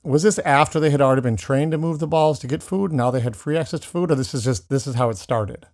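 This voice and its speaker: A man's voice: medium pitch, quick pace, a little mellow. Skeptical man co-hosting a podcast. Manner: skeptical questioning. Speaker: podcast co-host. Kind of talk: casual science chat.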